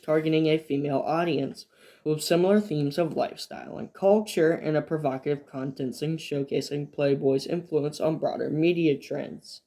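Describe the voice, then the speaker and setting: A man's voice: a little high, dark tone. A man hosting a history video, reading scripted lines about dates and events and breaking off into offhand asides with fillers and restarts. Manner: fillers and restarts between points. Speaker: video essay host. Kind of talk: semi-scripted history narration.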